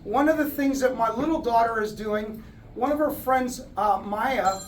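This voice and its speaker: At a company party in a crowded indoor event hall, the man who runs a contracting business talks plainly, with many fillers and restarts. His pitch is extremely high and his pace moderate. The distant mic adds a little hiss or hum.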